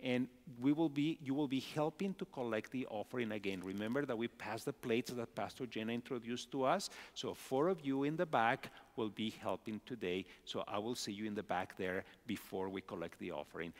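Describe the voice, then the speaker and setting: A man's voice: mid-range voice, fairly quick, hardly any pauses. A middle-aged male pastor giving a children's message, asking the children simple questions. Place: large church sanctuary. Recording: long hall reverb.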